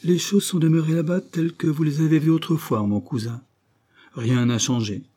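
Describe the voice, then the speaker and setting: A man reading the part of a proud, hurt provincial noblewoman who speaks quietly and with restraint. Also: fairly high pitch, normal speed, voice pushed up, lightly acted.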